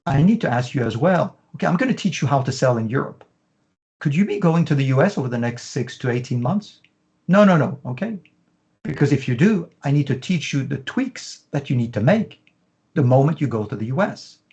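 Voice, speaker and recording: The audio is lo-fi as a middle-aged fashion business consultant speaks briskly and with animation, his mid-range voice darkish in tone. Explaining his methods in an interview, he piles up long lists and says "you know" frequently.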